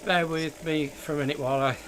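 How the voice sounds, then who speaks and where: A man's voice: a little high, steady tone, quick pace, a bit bright. A man hosting a casual chat, listening sympathetically and chiming in with short replies. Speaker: podcast host. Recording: faint background noise.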